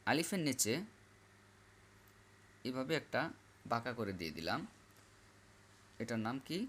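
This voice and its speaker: A man teaching Quran reading, patiently repeating each letter aloud in a slow classroom style. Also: medium pitch, very animated, a bit bright, slight background noise. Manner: repetitive, drills letters aloud.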